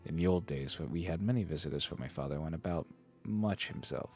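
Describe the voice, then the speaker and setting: A man reading aloud as a troubled young prince who questions a stranger, in his own deep voice, with faint music behind. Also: brisk, a little mellow. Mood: questioning. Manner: earnest, read-aloud delivery. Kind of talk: reading a classic epic aloud on stream.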